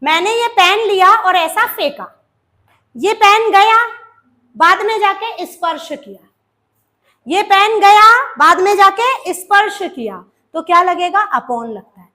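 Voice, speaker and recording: Woman, Indian accent, grammar teacher, very high voice, slow deliberate delivery, drills students with questions. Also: expressive, pushed and bright. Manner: addresses students as beta, asks questions and drills answers; slows down and stretches out example sentences. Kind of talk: classroom grammar lesson for exam students.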